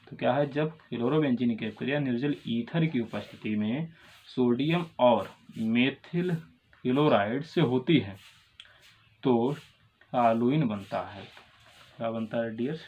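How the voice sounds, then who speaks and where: In this classroom lecture, a male chemistry teacher with a Hindi-speaking North Indian accent speaks at a medium pitch, unhurried, with a darkish, slightly rough tone. He repeats each question, answers it himself, and keeps addressing his students as "dears." The recording sounds dull and lo-fi, with faint ambience.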